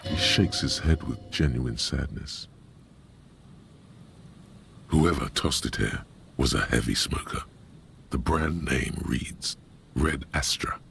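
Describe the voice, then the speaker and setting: A man's voice: takes it slowly, long pauses, fairly bright tone, slight background noise, heavily acted. A man voicing a brooding inner-voice narrator for a detective game, wry and ominous in manner. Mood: observant. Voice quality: deep gravelly voice. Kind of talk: game voice acting.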